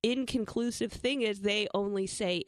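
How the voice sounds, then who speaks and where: A woman co-hosting a financial talk show, explaining listener questions in a brisk, enthusiastic way. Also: medium pitch, fairly even intonation, no echo, studio quality. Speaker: financial radio show co-host. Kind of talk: casual talk radio chat.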